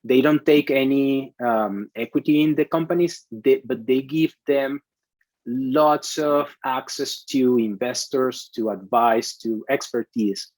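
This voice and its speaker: A man who grew up in Venezuela talks through his career in an interview, often pausing on fillers and repeating words. His voice sits at a middle pitch. The recording is dry, with no room echo. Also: darkish tone. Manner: hesitant, many restarts and fillers. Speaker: CTO, interview guest. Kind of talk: conversational interview.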